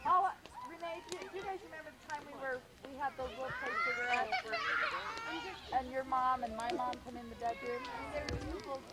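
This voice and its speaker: A woman's voice: high voice, sing-song, brisk. A woman reminiscing casually with relatives outdoors. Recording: very noisy outdoor amateur recording.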